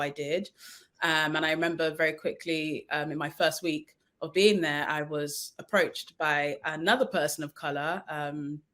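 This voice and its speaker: A young adult woman, born in Nigeria and raised in London, shares a personal story as a panel guest in a casual discussion. Her voice is low-pitched and a bit bright, and she speaks earnestly and reflectively.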